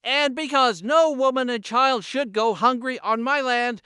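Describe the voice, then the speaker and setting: A woman voicing a gruff but kind frontier rancher who speaks gently and says little, in a slow storybook reading. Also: sits high, dry recording, clean studio sound. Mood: gentle. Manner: quiet, gentle, few words.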